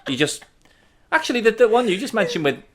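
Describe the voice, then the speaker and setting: A man's voice: high voice, very animated, fast, very noisy. A man in his thirties co-hosting a casual chat podcast, joking and laughing often. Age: 30s. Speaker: podcast co-host.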